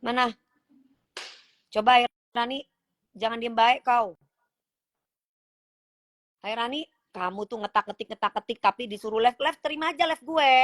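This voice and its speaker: A woman's voice: on the high side, moderate pace, pauses often, a bit bright. A woman, hosting a phone livestream, reading comments aloud and teasing her critics in a sassy, confrontational way. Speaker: livestream host.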